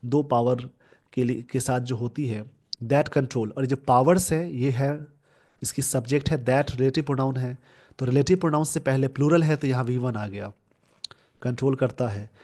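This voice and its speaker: A male English teacher walks exam students through a newspaper editorial, reading each English sentence slowly and then explaining it word by word. He tells viewers what to write down and remember. His medium-pitched voice is mellow, with fairly even intonation.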